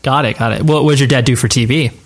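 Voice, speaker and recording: A man's voice: medium pitch, fast. A man hosts a casual podcast, steering the talk with loose, filler-heavy questions. His voice sits in an ordinary mid range, and he keeps affirming his guest as he goes. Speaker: podcast host, interviewer.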